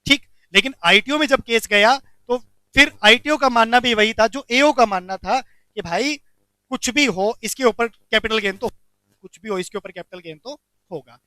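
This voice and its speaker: A man teaching a commerce lecture, animated, asking the class questions and answering them himself. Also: very high voice, normal speed, no echo.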